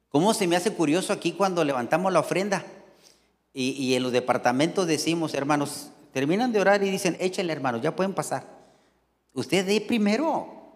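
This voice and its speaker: A man with a Mexican accent preaching a fervent sermon as pastor, calling out to his brothers and sisters with lively asides. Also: fairly high pitch. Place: church hall. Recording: long hall reverb.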